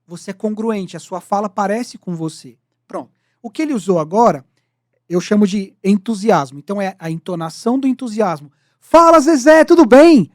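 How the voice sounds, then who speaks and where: A man's voice: high voice, expressive, fairly quick, a little mellow, no room sound, studio quality. A man co-hosting a podcast, teaching sales communication in an explanatory, lecturing manner that defines terms step by step. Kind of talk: casual podcast discussion.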